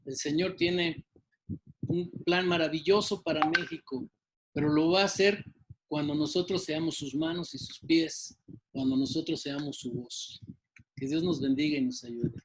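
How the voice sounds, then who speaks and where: High-voiced man. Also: fairly even intonation, noisy background. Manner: slow, emphatic, preacherly, with many fillers. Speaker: guest. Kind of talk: exhortation in an interview.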